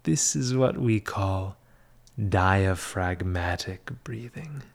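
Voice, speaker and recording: A man leading a guided meditation in a soft, breathy, half-whispered spa voice, soothing and measured, with long pauses between short phrases. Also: sits low, expressive.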